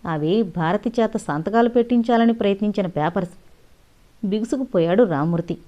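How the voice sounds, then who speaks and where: Woman reading a story out loud, expressive, kinda muffled audio. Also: medium pitch, moderate pace. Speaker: audio novel narrator. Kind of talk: dramatic storytelling narration. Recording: dull lo-fi audio.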